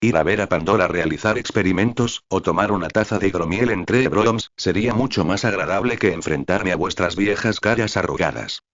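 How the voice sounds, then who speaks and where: A man reading the lines of a cool, calculating young wizard, calm and measured. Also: low-pitched. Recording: dull lo-fi audio.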